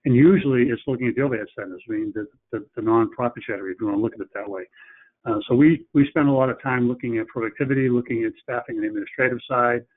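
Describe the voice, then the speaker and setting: A man's voice: mid-range voice, very fast. A man presenting in a webinar, talking in a plain, practical way and often restarting his phrases. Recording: phone-like webinar audio.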